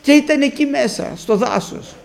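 A man's voice: extremely high pitch, creaky. A man preaching a sermon, telling stories and acting out the people he quotes. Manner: storytelling, lively retelling with acted quotes.

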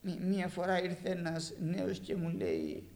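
Gravelly-voiced male preacher, impassioned sermon delivery, high and lively. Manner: impassioned, swings between loud emphasis and quiet asides.

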